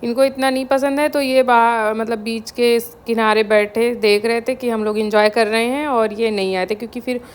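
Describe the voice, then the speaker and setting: A woman's voice: fairly high pitch, fairly even intonation, normal speed, hardly any pauses, clear, resonant tone. A woman from India narrating her family vlog in a chatty, storytelling voice-over, mixing English words into her talk. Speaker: family vlogger.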